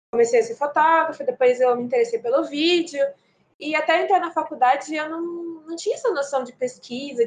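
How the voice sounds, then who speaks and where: A young adult woman, a student podcast host, asking thoughtful questions in a rambling, self-correcting way. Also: sits high. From Brazil. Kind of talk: interview questions.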